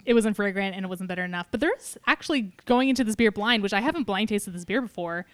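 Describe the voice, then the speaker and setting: Woman co-host, casual beer-tasting chat, smooth clear voice, dry close sound. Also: medium pitch, fast, dry recording. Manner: relaxed, laughs often, tasting and reminiscing. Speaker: podcast co-host.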